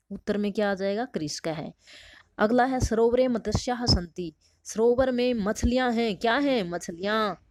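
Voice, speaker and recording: A woman's voice: medium pitch, darkish tone, no echo. Patient woman teacher, dry sound. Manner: patient, asks and answers her own questions. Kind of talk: explaining a textbook lesson.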